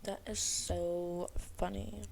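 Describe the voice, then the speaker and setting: A woman's voice: on the low side, little pitch movement, takes it slowly, gravelly, darkish tone, slight background noise. A young woman co-hosting a podcast, chatting casually and rambling with many "like"s. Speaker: podcast co-host. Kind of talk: casual chat.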